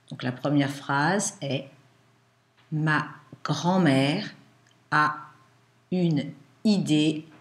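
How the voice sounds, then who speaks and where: A woman schoolteacher dictating to young pupils, pronouncing phrases word by word with deliberate pauses and repeats. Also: deep voice. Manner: deliberate, sounding out words with pauses. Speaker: primary school teacher. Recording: echoey room.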